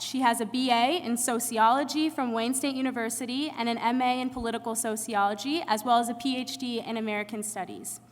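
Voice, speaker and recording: A woman's voice: high-pitched, a bit bright. A young woman student emcee giving an earnest prepared speech and introducing a guest. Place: large hall with audience. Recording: long hall reverb.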